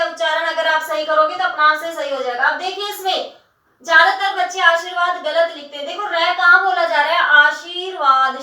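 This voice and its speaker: High-pitched lady teacher spelling words out slow and patient, really echoey room. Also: bright, forceful tone. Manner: patient, addresses students as "beta"; spells words out slowly, syllable by syllable. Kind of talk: spelling lesson. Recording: echoey room, voice from the mic at a distance.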